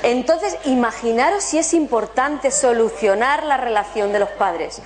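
A woman giving an animated motivational talk to an audience, asking them rhetorical questions. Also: a little high, unhurried. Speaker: spiritual workshop speaker.

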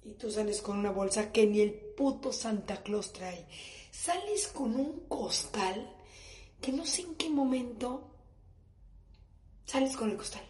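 A woman's voice: fairly high pitch, animated, measured pace, pauses often, a little mellow. A woman doing a brash, profane comedic monologue for a live stream, recorded in an echoey bathroom at home. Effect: echoey bathroom acoustics.

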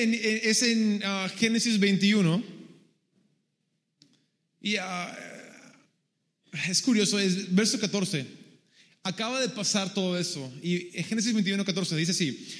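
A man delivers a humorous sermon, retelling the story with animated storytelling and little acted-out voices. His voice sits high for a man. The recording carries the long reverb of a large hall. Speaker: preacher.

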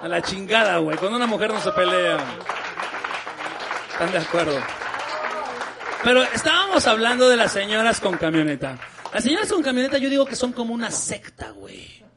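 A man's voice: high voice, very animated, fairly quick, vocal fry, long pauses, noisy background. A man with a Mexican accent doing a crude stand-up comedy routine, swearing a lot and acting out women's voices with giggles. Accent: Mexican Spanish. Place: live comedy venue with laughing audience. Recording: live stage recording, crowd laughter.

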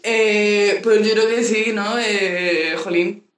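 A woman's voice: mid-range voice, steady tone, slow pace. A woman from muses thoughtfully as a guest, letting her sentences drift off unfinished. Her voice carries a noticeable echo, as if she is recorded in a bare room. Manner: reflective, trailing off. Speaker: musician guest. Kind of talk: casual interview chat. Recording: roomy echo.

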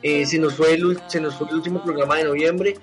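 A man hosting a sports talk show, giving casual football analysis in a conversational, hesitant way with frequent pauses and restarts over a remote connection. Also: a little high, steady tone, faint music behind. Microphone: remote connection from home.

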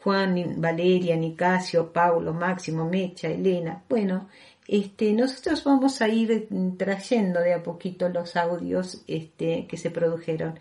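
A woman's voice: lowish voice, steady tone, measured pace, mellow. A woman hosting a radio program, chatting casually and hesitantly with many fillers. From Argentina. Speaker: radio host.

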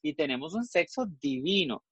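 A woman with a deep, slightly rough voice speaks at normal speed on a talk show panel, captured in a dry recording. In casual chat, she tells stories animatedly and acts out both sides of phone calls and conversations.

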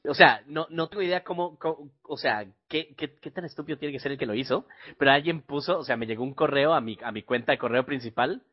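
A young man, co-hosting a casual chat and telling animated stories. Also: fairly high pitch, quick pace, slightly rough. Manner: animated, laughing storyteller. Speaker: podcast co-host, new parent. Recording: dull lo-fi audio.

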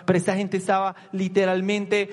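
A man with a fairly high voice preaches a conversational sermon in a church hall. The long reverb of the hall trails after his words. He talks with the congregation in an animated way and asks them rhetorical questions. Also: brisk.

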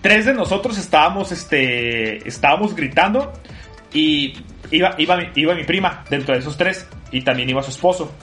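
A man's voice: on the high side, animated, moderate pace, a bit bright, faint music behind. A man telling a story in casual podcast chat, swearing freely. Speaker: podcast co-host.

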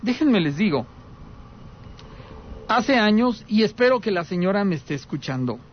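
Hosting a call-in radio show, a man from Aguascalientes, Mexico with a clearly high voice tells a paranormal story dramatically at normal speed, his pitch swinging widely. He repeats the essentials and addresses his listeners head-on. The recording is dull and lo-fi, with a faint hiss.

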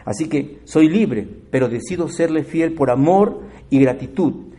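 Animated Spanish-speaking preacher man. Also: unhurried. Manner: animated preaching, swings from loud emphatic lines to low quiet asides; asks listeners direct questions. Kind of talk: sermon.

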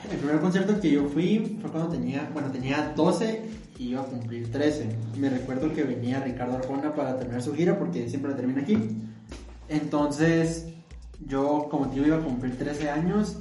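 A young man tells a story about himself on a casual podcast and laughs at his own past. His voice sits a little high for a man, and the sound has a roomy echo. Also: a little fast, dark tone, distant mic. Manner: laughing, self-mocking storyteller. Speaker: podcast co-host.

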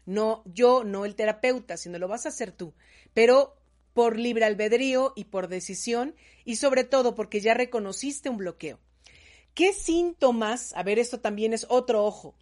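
Woman therapist, lively and emphatic, talking right at you, voice a bit on the high side. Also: normal speed. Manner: animated, emphatic, addresses listener directly. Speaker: energy healing therapist. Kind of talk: talk to camera giving advice.

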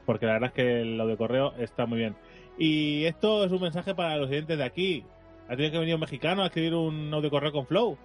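A man from Spain hosts a gaming podcast, talking quickly and wryly. His voice is a little higher than most men's. Faint music is heard behind. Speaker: podcast host. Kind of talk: casual gaming podcast chat.

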